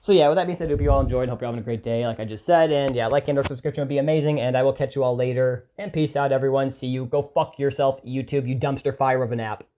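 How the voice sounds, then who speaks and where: A man's voice: medium pitch, fairly even intonation, quick pace, hardly any pauses, warm tone, slight background noise. A man angrily ranting to his viewers as a YouTuber, swearing heavily and firing off sarcastic rhetorical questions. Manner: heated, profane, repeatedly swearing. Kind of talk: angry vlog rant to camera.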